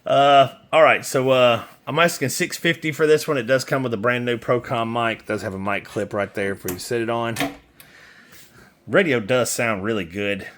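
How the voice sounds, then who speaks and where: Seated at a desk full of radio equipment indoors, a man casually demonstrates used radio gear he's selling, rambling informally as he goes. His voice is medium-pitched and fairly bright at a normal speed. Faint background noise is present.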